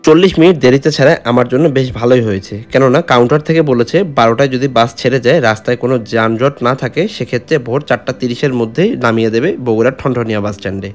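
A man giving scripted voice-over narration for a travel vlog, describing the trip as he goes. He talks quickly. Soft music plays under his voice. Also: medium pitch. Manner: descriptive, reviewing. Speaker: travel vlogger.

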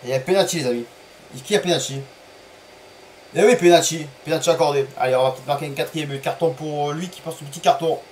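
A man streaming a football management game live, chatting to viewers, apologizing for stream bugs and calling plays with bursts of excitement. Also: a little high, very fast, slight background noise, low-quality recording. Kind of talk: live gameplay commentary.

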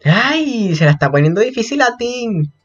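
A young man chatting through a reaction video in a gossipy, excitable way, breaking into high shrieks. His pitch leaps all over the place, and the recording sounds dull and lo-fi, like a home setup. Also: normal speed, faint music behind. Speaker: reaction vlogger. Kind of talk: casual reaction commentary.

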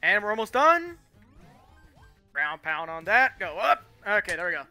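A young man commentating his speedrun race as he plays, with excited bursts of cheering. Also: sits high, normal speed, no room sound, soft background music. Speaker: speedrunning gamer.

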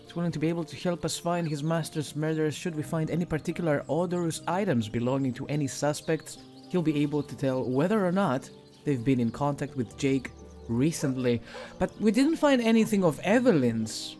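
A man hosting a casual video game playthrough, reacting and thinking out loud as he goes. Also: a little high, expressive, fairly quick. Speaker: gaming video host. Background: game music.

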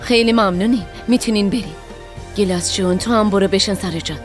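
An actress dubbing a composed, polite schoolteacher addressing a class. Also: female voice, medium pitch, soft background music, lightly acted. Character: calm schoolteacher. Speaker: teacher. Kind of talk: Persian dub of a TV drama.

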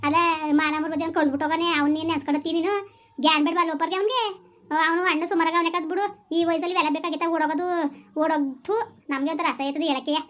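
A no-nonsense village neighbour in a homemade comedy skit, played by a woman. She talks fast and very high, keeping her pitch level as she scolds. Her comforting comes out matter-of-fact. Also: fairly even intonation, fairly bright tone. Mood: scolding comfort. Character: blunt village woman consoling her friend.

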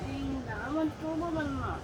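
A woman's voice: high-pitched, normal speed, background noise, lightly acted. A woman voicing whimpering toy swim goggles. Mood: sulky. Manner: pleading, whimpering.

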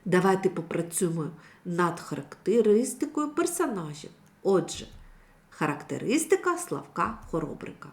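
A woman teacher giving a recorded reading lesson for young children, speaking clearly and instructively. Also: lowish voice, very animated. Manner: slow, clearly articulated, instructive. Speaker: primary school teacher.

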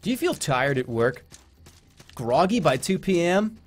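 A man's voice: very animated, unhurried. A man doing a pushy ad announcer. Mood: hard-selling. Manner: loud, pushy sales pitch. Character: overeager male energy-drink ad announcer. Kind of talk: mock commercial.

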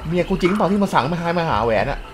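A young man talks through a game in casual, excitable let's-play commentary, swearing freely. His voice sits a bit high and leaps around wildly, shooting up into loud yells. Faint game music plays underneath. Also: rapid-fire, poor audio. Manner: excitable, swears often, frequent loud outbursts. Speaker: gameplay commentator.

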